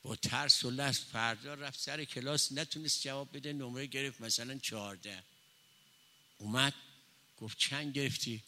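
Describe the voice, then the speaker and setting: A man's voice: medium pitch, sharp tone. A man preaching a sermon, telling a story with conversational asides to his listeners. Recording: long hall reverb.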